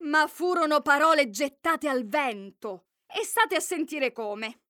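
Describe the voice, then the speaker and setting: A woman reading a fairy tale aloud in an expressive storytelling manner. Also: sits high, slow pace, no room sound. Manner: expressive, varied storytelling with voiced characters.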